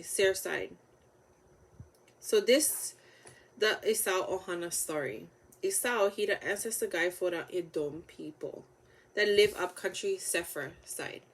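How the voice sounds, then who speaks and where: A woman with a Hawaiian Pidgin accent reading Bible stories aloud, halting a little over the names. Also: medium pitch, a bit bright. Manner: halting over names, with stumbles and self-corrections.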